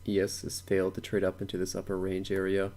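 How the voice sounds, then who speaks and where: A man's voice: low-pitched, monotone, fast talker, a little mellow. A young man thinking aloud while day trading on a live stream, repeating words and chuckling to himself.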